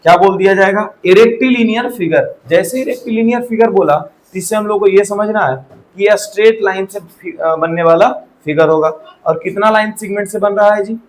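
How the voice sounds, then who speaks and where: A man's voice: high voice, fairly even intonation, fairly quick, hardly any pauses, poor audio. A man teaching a maths lesson in a classroom, often quizzing his students and checking that they follow. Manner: asks the class questions and checks with repeated "theek hai". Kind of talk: classroom lecture.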